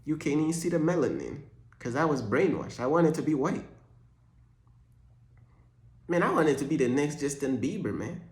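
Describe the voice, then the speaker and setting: A young man from Uganda riffs through a faith vlog in loose, slangy talk, mixing jokes with preaching. His voice sits a little high for a man. The room around him rings with echo. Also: big pitch swings, normal speed, long pauses. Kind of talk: casual faith vlog monologue.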